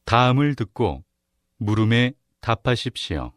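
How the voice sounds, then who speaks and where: Very slow male exam narrator. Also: mid-range voice, very animated, dry recording, studio quality. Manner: formal, measured. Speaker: exam narrator giving instructions. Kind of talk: scripted test instructions.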